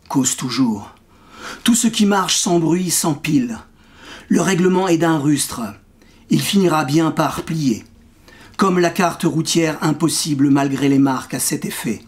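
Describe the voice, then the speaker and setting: A poet reading his own poem aloud with a measured, rhythmic delivery. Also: on the high side. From France. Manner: measured, rhythmic recitation with wordplay. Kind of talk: poetry reading.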